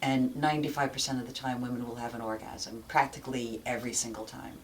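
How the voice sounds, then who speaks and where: Very low-voiced woman talking frankly. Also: fairly even intonation, fast talker, a little hiss or hum. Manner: candid, explanatory, sprinkles in "okay?". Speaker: show host. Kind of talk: frank casual talk.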